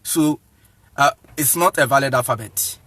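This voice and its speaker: A man's voice: medium pitch, fairly bright tone, no room sound. A man with a Ghanaian accent, an evangelist giving a casual teaching talk to viewers. He switches between English and Akan, spells words out letter by letter and keeps checking that listeners follow. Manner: spells words out slowly, repeats "you see what I'm saying", chuckles often.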